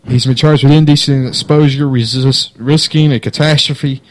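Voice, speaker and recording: A man's voice: medium pitch, steady tone, moderate pace, no room sound, low-quality recording. Wry man reading odd news. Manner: wry, laughs through stories, mock newscaster delivery. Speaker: podcast host. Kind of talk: casual chat, reading odd news stories.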